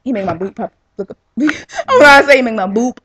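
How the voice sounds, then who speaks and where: A woman's voice: a little high, fast talker, fairly bright tone, slight background noise. A young woman chatting casually and playfully teasing on a home video, filmed at home on a handheld camera. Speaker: vlogger. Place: her home, indoors.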